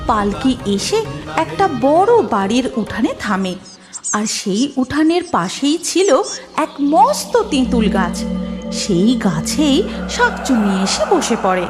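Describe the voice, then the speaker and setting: A woman narrating a cartoon folktale in an expressive, sing-song storytelling manner. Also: on the high side, measured pace. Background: music.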